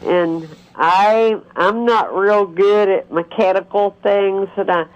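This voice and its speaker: A woman's voice: mid-range voice, slow pace. A woman in her late fifties speaks as a radio show caller, earnest and insistent as she tells her story. She takes her time, and the phone audio is dull and muffled.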